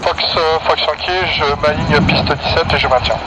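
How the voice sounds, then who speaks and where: Male pilot, higher-than-average voice, hesitant aviation phraseology, heard over a headset radio buried in loud noise. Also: normal speed. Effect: aircraft radio, pilot headset. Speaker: pilot on air traffic radio. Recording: very noisy aircraft radio transmission.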